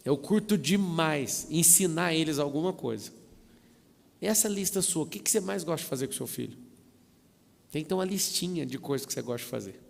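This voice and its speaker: A man from Brazil telling family stories in a lively, slangy way, acting out little scenes, with echo around him. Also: on the high side, brisk, vocal fry. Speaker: mentor speaking on a live stream. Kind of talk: storytelling talk. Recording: long reverb, echoey room.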